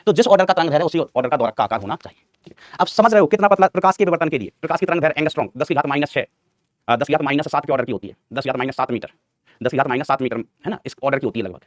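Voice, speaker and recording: Rapid-fire male physics teacher. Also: on the high side, expressive, dry recording, clean studio sound. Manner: quizzes students and answers his own questions, repeats key terms; calls students son and brother affectionately. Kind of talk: classroom lecture.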